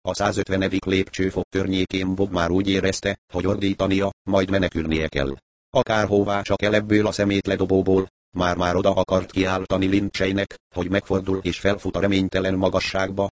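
Deep-voiced man reading a story. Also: dry recording. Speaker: audiobook narrator. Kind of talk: scripted narration.

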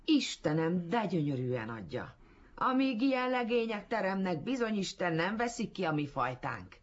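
Give me a man doing an excited old village nanny exclaiming loudly, high and husky. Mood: rapturous. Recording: dull lo-fi recording.

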